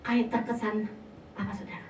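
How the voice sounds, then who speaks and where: A woman pastor giving a sermon, animated and playful, acting out little voices for humor. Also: mid-range voice, a little fast, a little hiss or hum. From North Sumatra, Indonesia. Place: church hall. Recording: echoey hall, voice from a distance.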